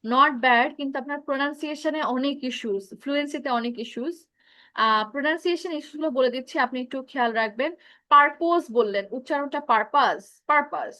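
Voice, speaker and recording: Woman, Bangladeshi accent, online class teacher, high voice, dry close sound. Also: fast talker, fairly bright tone, no echo. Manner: instructive, mixes Bengali and English. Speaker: English speaking teacher.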